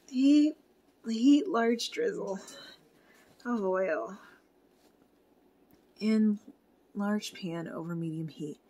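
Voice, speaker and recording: Woman, home cook, casual vlog chat, slow pace, talks to herself, reads recipe aloud. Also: mid-range voice. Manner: chatty, talks to herself and viewers while cooking. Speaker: home cook reviewing a meal kit. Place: home kitchen.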